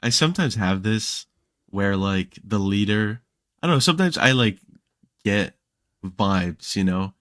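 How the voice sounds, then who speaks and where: A young man with a lowish voice chats casually as a podcast guest, rambling through stories with many fillers and restarts. His voice is recorded close and dry, with no room sound. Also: a little slow, dry recording. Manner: relaxed storytelling with frequent fillers and restarts. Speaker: podcast guest, Minecraft creator.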